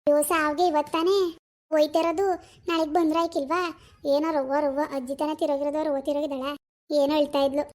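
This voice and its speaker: A woman's voice: high voice, flat delivery, fast, darkish tone, close to an everyday voice. A woman voicing a fretful older village mother in a cartoon, sighing and chattering. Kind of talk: animated cartoon voice acting.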